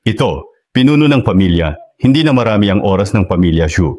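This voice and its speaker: A cool-headed young leader, dubbed by a man speaks in a low, deep register. His delivery is measured and quietly menacing. The sound is dry and close. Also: sing-song, no room sound. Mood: controlled. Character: calm, powerful young male leader, coolly threatening. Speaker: voice actor in a Filipino dub. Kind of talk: dubbed drama acting.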